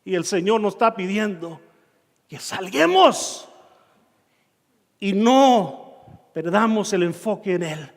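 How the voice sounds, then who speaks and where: A man preaching a sermon, telling a personal story and acting out his own shouts and dialogue, in a church hall. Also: high voice, expressive, slow pace, vocal fry, long pauses. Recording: long reverb of a church hall.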